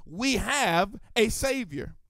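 A man preaches a sermon with a notably high voice. He draws key phrases out into a half-sung cadence. The sound is dry and close, with little room echo. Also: lively intonation, slow pace, a bit bright. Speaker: pastor.

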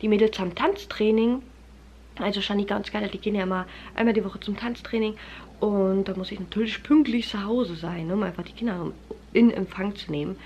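Sitting indoors in her living room, a woman in her thirties who vlogs about family talks casually to the camera at arm's length, her nose stuffy from a cold. She speaks a little fast in a darkish mid-range voice, with lots of fillers and friendly asides; the audio has highs cut off and slight hiss or hum.

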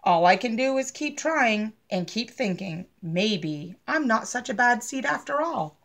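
A woman's voice: fairly high pitch, lively intonation, a little slow, fairly bright tone, heavily acted. A woman voicing a gloomy, reforming bad seed from a storybook, telling his story dramatically for children. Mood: earnest, hopeful. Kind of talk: children's picture book read-aloud.

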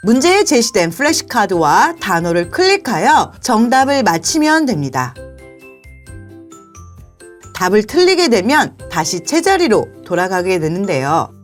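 A young adult woman, a teacher, walking through a learning app in a polite, clear, explanatory scripted presentation. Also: medium pitch, very animated, a little slow, faint music behind. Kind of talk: scripted product walkthrough.

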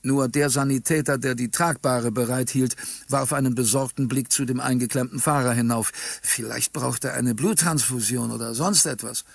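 A man narrating a humorous audiobook story in a dry, ironic manner with a gravelly voice. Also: medium pitch, steady tone, moderate pace, no echo.

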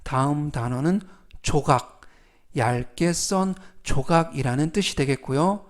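느릿하고 또박또박 말하는 남성 영어 강사. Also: male voice, fairly high pitch. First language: Korean. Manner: repeats English words slowly and clearly. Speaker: English vocabulary teacher. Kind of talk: slow instructional narration.

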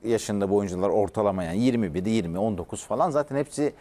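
A man's voice: on the low side, fast, warm tone. A man co-hosting a sports panel, explaining his point by stacking up examples. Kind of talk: studio panel discussion.

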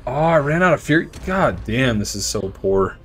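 A man giving casual live commentary on his game, swearing, thinking out loud and yelling in frustration at enemies while he chats with viewers. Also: mid-range voice, very animated, moderate pace. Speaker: video game streamer.

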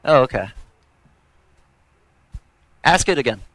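A man's voice: medium pitch, lively intonation, takes it slowly, fairly bright tone, no room sound. A man arguing on a livestream in a curt, confrontational way, swearing as he goes. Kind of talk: argumentative livestream conversation.

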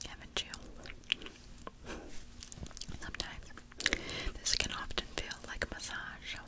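A woman in her twenties doing a soothing whispered role-play as a face painter, close to the mic, with breathy whispering, tingly mouth sounds and softly repeated words. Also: slow pace. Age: 20s. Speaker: ASMR artist playing a face painter. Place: indoor room at home. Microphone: close to the mic, face near camera.

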